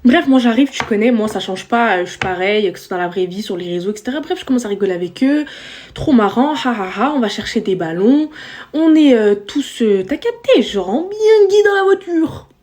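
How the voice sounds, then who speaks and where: A woman's voice: mid-range voice, expressive, a little fast, a little mellow. A young adult woman telling a story in a storytime vlog, slangy and chatty, talking straight to her viewers. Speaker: vlogger.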